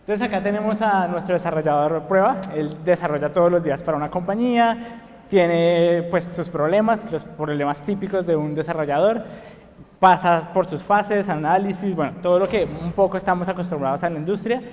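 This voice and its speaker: Speaking fairly quickly in a high, slightly mellow voice, a young Bogotá Colombian man delivers a conference presentation full of hesitations and filler words. The recording carries the long reverb of the conference hall he's in.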